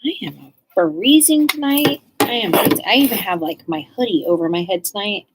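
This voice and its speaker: A woman's voice: medium pitch, expressive, normal speed, very noisy. A woman in her forties from Southern California, chatting casually and rambling as she makes art on a live stream. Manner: rambling and chatty, full of likes. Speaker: artist hosting a live stream. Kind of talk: casual chat while making art.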